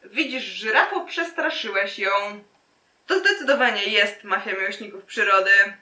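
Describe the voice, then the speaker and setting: A young woman in her twenties reads fanfiction aloud and cuts in with deadpan, sarcastic remarks. Her voice is bright and a little high. She sounds roomy and set back from the camera mic. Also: normal speed, distant mic. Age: 20s. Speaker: channel host. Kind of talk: comedic reading of fanfiction with commentary. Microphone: camera mic at a distance. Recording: roomy, recorded away from the mic.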